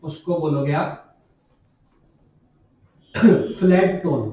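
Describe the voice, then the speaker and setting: High-voiced male teacher in an echoey room. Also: very slow, warm tone. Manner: repeats key terms and asks the class questions. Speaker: nursing teacher. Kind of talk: classroom lecture. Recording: very echoey room, mic far off.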